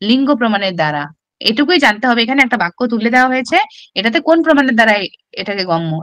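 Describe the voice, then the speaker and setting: A woman's voice: on the high side, a bit bright, dry recording. A woman teacher with a Bengali accent explains a classical text step by step in an online exam-prep class, often asking rhetorical questions.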